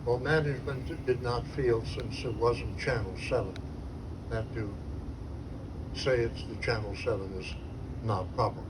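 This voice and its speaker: A man's voice: medium pitch, steady tone, a little slow. A man in his nineties giving a meandering, reminiscing speech at a gathering. He chuckles now and then and sometimes loses his train of thought. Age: 90s. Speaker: former TV station employee speaking at an event. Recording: distant mic with noisy background.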